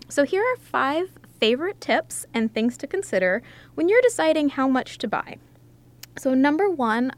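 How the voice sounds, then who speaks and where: Lively, chatty woman magazine editor. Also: fairly high pitch. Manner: chatty and enthusiastic, laughs often. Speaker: magazine editor, podcast guest. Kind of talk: casual podcast chat.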